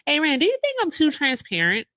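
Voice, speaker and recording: A woman's voice: high-pitched, huge pitch swings, brisk, sharp tone, no echo, clean studio sound. A woman hosting a casual livestream chat, blunt and skeptical with her callers. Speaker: host.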